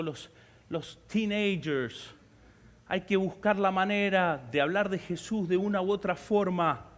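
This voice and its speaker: A man preaching a sermon as pastor, animated and humorous, telling stories with sudden shifts in loudness. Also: high voice. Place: church sanctuary. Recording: reverberant church hall.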